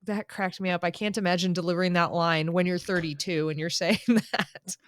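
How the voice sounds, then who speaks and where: A woman's voice: on the low side, steady tone, brisk. A woman guest on a podcast, chatting casually and with amusement about a film. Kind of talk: casual chat.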